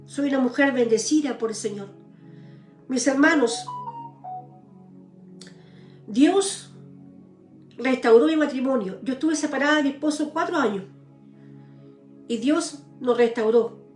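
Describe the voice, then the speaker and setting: Woman, high voice, earnest testimony, roomy echo. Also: measured pace, long pauses, darkish tone, soft background music. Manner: earnest, tearful pleading prayers, addresses listeners as brothers. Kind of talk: live-streamed personal testimony.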